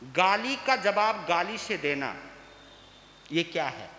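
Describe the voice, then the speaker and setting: A man preaching a sermon as a monk, slow and emphatic, repeating phrases and putting questions to his listeners. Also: sits high, expressive, pushed and bright. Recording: echoey hall with long reverb and faint hiss.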